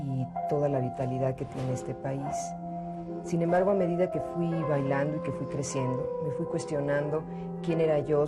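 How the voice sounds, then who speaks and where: Low-voiced Mexican woman, reflective and searching. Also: vocal fry. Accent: Mexican Spanish. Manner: thoughtful, searching for words with repeated restarts. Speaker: dancer and choreographer. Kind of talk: reflective interview answer. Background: loud music.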